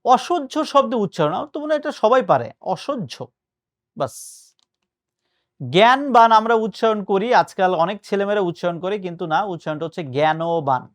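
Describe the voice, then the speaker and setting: A man's voice: sits high, animated, racing, hardly any pauses. Man tutoring on pronunciation. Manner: patient, explanatory, mixing English words. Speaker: admission test tutor. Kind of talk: casual spoken lesson.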